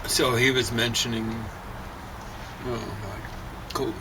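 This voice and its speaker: Sitting outdoors on a deck, a man offers his opinions in casual chat with a sardonic, grumbling manner. His medium-pitched voice is steady and slow. He's recorded far from the mic, with clear traffic noise outside.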